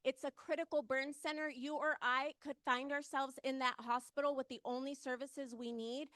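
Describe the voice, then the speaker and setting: Female campaigner, high forceful voice, urgent and direct public appeal. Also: steady tone, moderate pace, no room sound, studio quality. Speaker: ballot measure campaigner. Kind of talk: short public advocacy speech.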